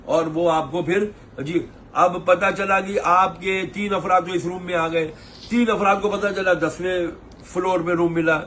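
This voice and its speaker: With a high-pitched, fairly bright voice and slight background noise, an umrah tour operator gives an advice talk to camera. He lectures pilgrims in a preachy, scolding manner, mimicking their complaints.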